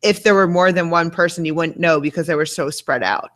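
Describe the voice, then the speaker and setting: A woman's voice: on the low side, fairly quick, fairly bright tone. A woman co-hosting a casual book club discussion, talking things through with chatty asides and fillers. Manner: chatty, thinks aloud with fillers. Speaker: book club co-host, scientist.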